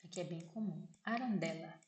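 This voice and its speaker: A Brazilian woman with a Brazilian Portuguese accent gives a casual spoken lesson, slowly repeating words and often checking with "né?". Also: on the low side, darkish tone. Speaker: vlogger teaching vocabulary. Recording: echoey room.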